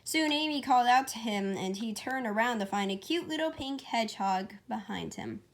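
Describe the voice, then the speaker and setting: An amateur author reads her own story aloud in a casual storybook style, now and then stumbling over the words. Her voice sits a little high and is expressive, and she keeps a moderate pace.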